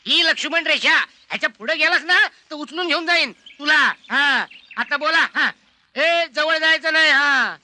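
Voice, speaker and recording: An actor playing a bumbling, cheeky village police constable with a Marathi accent, stammering and quick with comebacks. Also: male voice, extremely high pitch, bright, forceful tone, full character voice. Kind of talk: Marathi comedy film acting.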